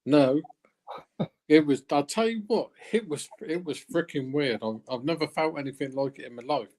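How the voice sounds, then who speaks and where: A man's voice: on the high side, normal speed, darkish tone. Man telling a story in casual chat. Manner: storytelling, reactive.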